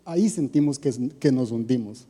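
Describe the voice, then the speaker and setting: Conversational preacher in a reverberant church. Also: male voice, medium pitch, normal speed, mellow, husky. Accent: Costa Rican. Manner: conversational preaching with rhetorical questions. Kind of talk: sermon.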